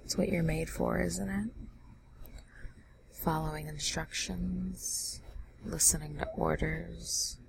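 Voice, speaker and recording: A young woman speaks an ASMR role-play in a low, creaky register, unhurried and firmly in command. The delivery is breathy and teasing, with a faint hiss behind it. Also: steady tone. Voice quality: breathy soft voice mixed with low soft voice.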